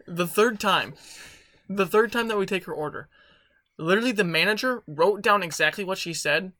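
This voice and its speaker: A man's voice: high-pitched, moderate pace, sharp tone, no echo, clean studio sound. A young man hosting a casual podcast, telling work stories in a rambling way with laughs. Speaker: podcast host. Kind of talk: casual chat.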